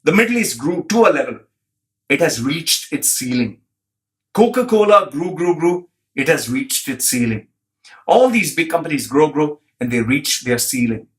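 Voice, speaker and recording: A man's voice: a little high, sing-song, normal speed. A man giving a blunt, profane commentary, repeating phrases for emphasis and reading out an article.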